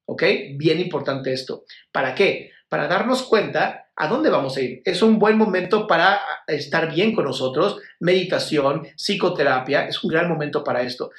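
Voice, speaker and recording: During a laid-back live-stream Q&A on mental health, a Mexican-accented man answers viewers bluntly but lovingly, cursing freely and calling them "my love." His voice is a little high, expressive, and a bit bright, at a normal speed with few pauses. There is reverb in the recording.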